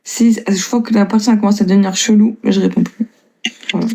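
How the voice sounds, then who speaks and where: Woman, twenties, slight northern French accent, live-stream chat, answers comments, laughs a lot, warm mellow tone. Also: mid-range voice, fairly even intonation, fairly quick, vocal fry, breathy edge. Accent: slight northern French (Lille). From northern France. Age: 20s. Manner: chatty, laughs often, reads and answers comments. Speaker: livestreamer.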